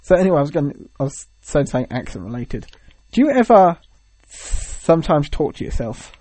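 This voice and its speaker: On a dry recording, a young British podcast co-host speaks fairly quickly and very animatedly, his voice on the high side and a little mellow. His casual chat is rambling, hesitant, and full of jokes.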